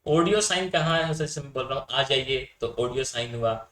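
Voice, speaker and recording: A man's voice: medium pitch, lively intonation, a little fast, a bit bright, reverberant. A man teaching a class, explaining points in a casual, chatty way and often checking whether his students follow. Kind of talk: Hindi-English lecture on communication theory.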